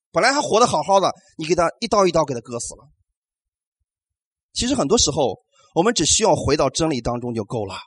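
A man preaching a sermon, animated, asking rhetorical questions and calling out amens to the congregation. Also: high-pitched, no room sound. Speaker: pastor.

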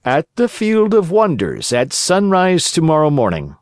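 A man's voice: fairly high pitch, huge pitch swings, a little slow, no room sound, studio quality, voice pushed up. A man voicing a sly, falsely polite male innkeeper. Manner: mock courteous.

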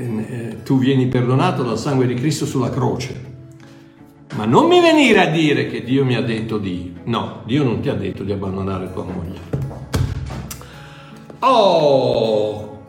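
An older man delivers an informal sermon, teaching his listeners directly in a conversational, mid-pitched voice. He hammers his points home by repeating short phrases and frequently corrects himself mid-sentence. The recording has a strong echo, as if made in a reverberant room.

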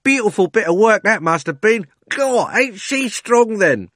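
A gleeful bystander in a street crowd jeers in a high, bright voice, as a male reader does him. He sounds dry and close. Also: lively intonation, unhurried, dry recording, exaggerated voice. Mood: mocking. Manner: mocking, gleeful.

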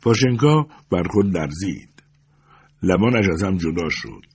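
A man narrating a literary audiobook in a measured, slow reading. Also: deep voice, lively intonation, husky.

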